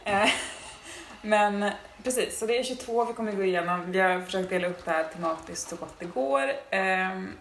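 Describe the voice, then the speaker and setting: A Swedish woman hosting a casual chat podcast, relaxed and hesitant with many fillers. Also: mid-range voice, slight background noise. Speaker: podcast host. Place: indoor room with rain outside. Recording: roomy room, rain on window.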